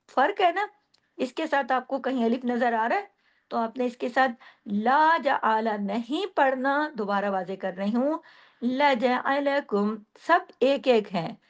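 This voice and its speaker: A woman teacher giving a recitation lesson. She explains each rule patiently, then models the words slowly and carefully. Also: fairly high pitch, lively intonation. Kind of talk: slow step-by-step recitation lesson.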